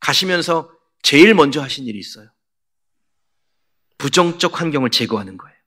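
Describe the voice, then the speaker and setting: A man's voice: a little high, lively intonation, brisk, a bit bright. A male pastor preaching a sermon in a church, asking the congregation questions and acting out quotes. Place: church sanctuary.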